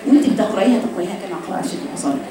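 A woman with an Egyptian accent teaching Quran recitation to a class of students, quizzing them with rhetorical questions and modelling slow recitations. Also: medium pitch, animated, noisy background. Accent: Egyptian Arabic. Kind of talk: classroom lesson. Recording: very echoey room from far off. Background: students present.

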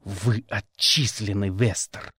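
A man's voice: medium pitch, animated, measured pace, dry recording, studio quality, natural voice. A man voicing a stern, angry middle-aged male academy rector who gives cold, clipped orders.

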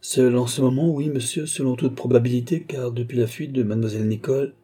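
A man reading the part of a timid, distrustful young gardener who answers in a halting, wary way. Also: medium pitch, fairly even intonation, mellow, breathy edge, lightly acted. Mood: guarded.

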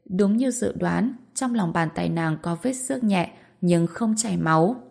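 A woman narrates a story in a calm, even way. Her voice sits somewhat low for a woman. The reading is steady and scripted. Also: unhurried, gravelly.

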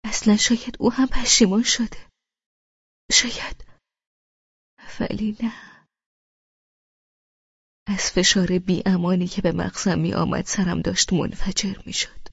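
A woman's voice: mid-range voice, steady tone, gravelly, long pauses, husky, dry recording, highs cut off. A woman narrating a novel in the first person as an audiobook, with an anxious, intense manner that slips into whispers. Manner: anxious, intense inner monologue, slipping into whispers.

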